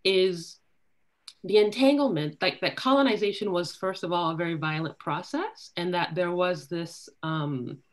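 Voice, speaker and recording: A woman speaking on a panel over a video call, building her points slowly and tagging them with "right?". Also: on the low side. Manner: thoughtful, tags points with "right?". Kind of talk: academic panel discussion. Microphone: laptop video call.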